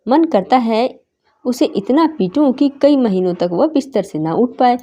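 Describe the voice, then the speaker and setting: Brief: a woman reading a touchy, quick-to-anger schoolboy, pitched up, indignant. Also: lively intonation, warm tone. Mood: angry. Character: angry schoolboy, hot-tempered and sulky. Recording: slightly dull lo-fi recording.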